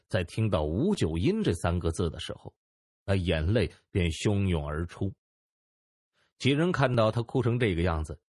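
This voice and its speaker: In this scripted audiobook narration, a man reads a novel expressively in a lowish, husky voice whose pitch moves a lot. The sound is dry and close, with no room sound.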